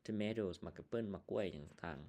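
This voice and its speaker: Slow-talking Lao man teaching English. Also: on the low side, vocal fry, a little mellow. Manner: slow, explaining words one by one with many fillers. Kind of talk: casual online lesson.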